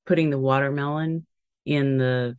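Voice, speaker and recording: A woman's voice: extremely low pitch, steady tone, moderate pace, darkish tone, smooth. A woman co-hosting a podcast, chatting casually and laughing often. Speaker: podcast co-host. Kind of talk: casual interview chat.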